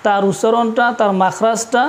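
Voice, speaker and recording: A man teaching Quran letter pronunciation, drilling each syllable in patient, measured repetitions and telling students to note it down. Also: extremely high pitch, fairly even intonation, a little hiss or hum. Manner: directive, tells students to take notes and pay attention. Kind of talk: slow, drilled pronunciation lesson.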